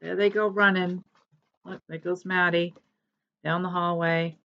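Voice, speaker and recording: Woman vlogger, relaxed show-and-tell chat, slow and a bit rambling, lowish voice, muffled home recording. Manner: chatty, rambling, self-correcting. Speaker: cross-stitch vlogger.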